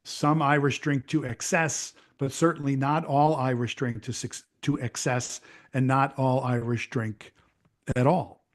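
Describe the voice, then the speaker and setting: An older American man, a veteran news broadcaster, chatting as an interview guest, who talks in halting bursts with repeated words and restarts. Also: mid-range voice, steady tone. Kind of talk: casual conversational interview.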